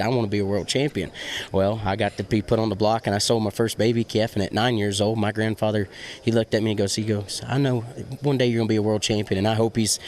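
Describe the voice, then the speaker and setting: An American man from Virginia, an auctioneer, giving earnest answers as an interview guest. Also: lowish voice. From Virginia, USA.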